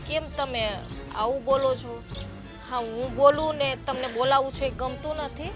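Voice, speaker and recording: A woman's voice: high voice, steady tone, normal speed, music in the background, lightly acted. Woman playing a pleading young city daughter-in-law. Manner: pleading, defensive, talkative. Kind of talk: family drama acting.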